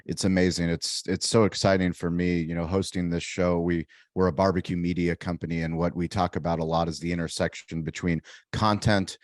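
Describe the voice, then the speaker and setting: A man hosting an interview show with an energetic, hype-style delivery; he also runs a restaurant. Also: low-pitched, brisk, no room sound, clean studio sound. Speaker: show host and restaurant owner.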